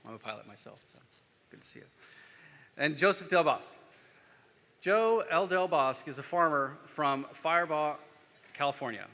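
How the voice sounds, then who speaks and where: A man with a bright, fairly high voice introduces panelists at a conference, reading their bios aloud. Between the formal lines he drops into quiet, offhand asides. His voice carries a long reverberant tail from the hall. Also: expressive, moderate pace, pauses often.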